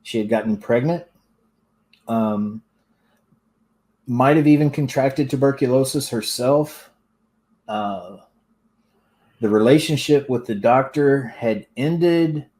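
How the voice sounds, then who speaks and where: An older man telling a story as a radio guest, in a halting, reflective way. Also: mid-range voice, a little mellow. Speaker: radio show guest, former tour guide. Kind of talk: unscripted storytelling.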